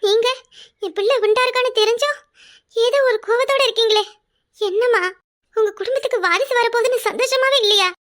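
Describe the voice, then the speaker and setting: A woman's voice: very high-pitched, a little fast, long pauses, fairly bright tone. A woman voicing a pleading, tearful middle-aged mother of a bride, speaking with a Kanyakumari Tamil accent. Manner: emotional, pleading, often on the edge of tears. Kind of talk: cartoon voice acting.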